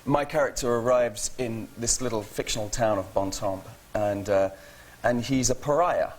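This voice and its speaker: A man's voice: mid-range voice, normal speed. A man with a British accent, a guest actor on a talk show, telling stories chattily, laughing often and restarting sentences. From England. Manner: chatty, laughing, self-interrupting storyteller.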